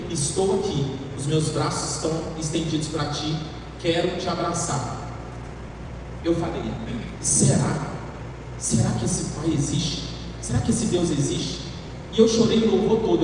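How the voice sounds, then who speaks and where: A man in his thirties, a worship leader and singing teacher, gives an animated church talk to a live audience and acts out the lines he quotes. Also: high voice. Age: 30s. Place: large church hall. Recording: echoey hall, distant mic, noise.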